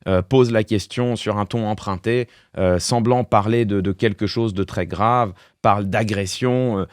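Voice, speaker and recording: A man's voice: lowish voice, fairly even intonation, moderate pace, no room sound, clean studio sound. A man streamer giving casual live-stream commentary, thinking aloud with fillers and restarts. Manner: talks through thoughts with fillers and restarts, wry laughs.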